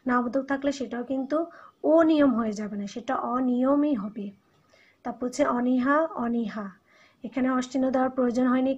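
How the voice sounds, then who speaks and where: A Bangladeshi woman teaches a recorded lesson in a high, husky voice. She explains each point step by step and leans on the example words, saying them again and again. The sound is dull and lo-fi. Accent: Bangladeshi Bengali. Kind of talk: recorded classroom lecture.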